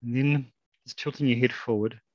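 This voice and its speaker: Male meditation guide, soft and unhurried, mid-pitched, dry dull lo-fi recording. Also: no echo. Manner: slow, soft, calm, with long pauses.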